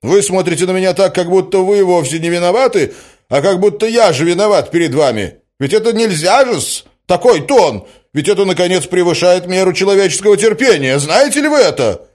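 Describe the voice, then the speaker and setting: A man voicing an indignant young suitor who has been jilted and shouts in a rage, his voice raised far above his narrating voice. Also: mid-range voice, expressive, unhurried, voice pushed up, lightly acted. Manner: shouting, furious, sputtering.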